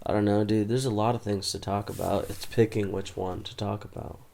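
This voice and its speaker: A young man in his twenties, chatting loosely on a podcast. He rambles, fills every gap with "dude" and breaks into laughter, his voice sitting a bit low. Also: steady tone, fairly quick, creaky, dark tone. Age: 20s. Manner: rambling, says "dude" constantly, laughs mid-story. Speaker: podcast co-host. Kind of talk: casual chat.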